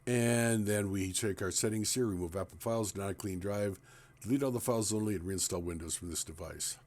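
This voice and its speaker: A man's voice: on the low side, fairly quick, darkish tone. A man walking through a computer task step by step in a plain, explanatory screen-recording tutorial. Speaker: tech tutorial presenter.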